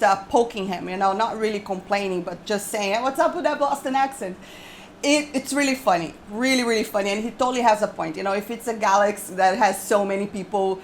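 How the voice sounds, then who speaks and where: A woman's voice: mid-range voice, slight background noise. A woman giving casual reaction commentary as the host of a video.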